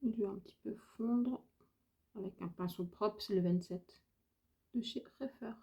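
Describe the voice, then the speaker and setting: A woman's voice: medium pitch, measured pace, vocal fry, mellow, breathy edge. A woman from France chatting casually through a makeup tutorial, hesitant and thinking aloud with lots of fillers. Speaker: beauty vlogger.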